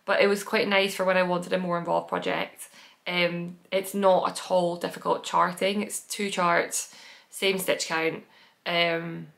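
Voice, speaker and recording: At a measured pace, a woman with a fairly low, slightly bright voice, vocal fry, and little pitch movement presents her projects on her knitting podcast. As host and pattern designer, she keeps it casual and chatty, rambling with fillers and self-corrections.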